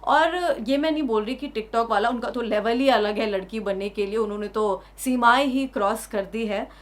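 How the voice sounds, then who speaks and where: Young woman vlogger, high-pitched voice, indignant, emphatic, rhetorical questions. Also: moderate pace. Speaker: YouTuber giving opinion. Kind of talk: opinion vlog rant.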